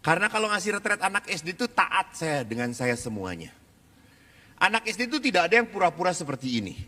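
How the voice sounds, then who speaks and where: Animated preacher man in a reverberant hall. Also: high voice, fast. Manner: animated, acts out children's and mothers' voices. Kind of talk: lively sermon to a live audience. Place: large hall with an audience.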